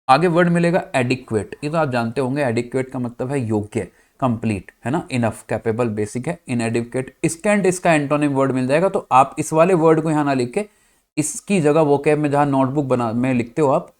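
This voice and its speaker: A male English teacher from India runs a vocabulary class, mixing Hindi explanation with English words spoken in an Indian accent. His voice sits at an ordinary middle pitch, and he keeps asking his students whether they've got it. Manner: addresses students as "bachcha party", checks "clear?"; spells words out letter by letter.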